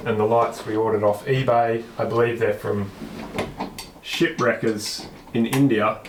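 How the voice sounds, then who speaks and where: Here a boat owner in a small cabin does his own wiring while casually vlogging, flu-stricken and sniffly. He has a lowish voice and thinks aloud hesitantly as his hands work, over background noise.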